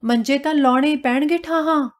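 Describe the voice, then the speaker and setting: A woman voicing a worried, sharp-tongued village wife who scolds her husband in a raised voice. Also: sits high, brisk, voice pushed up, close to an everyday voice. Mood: scolding.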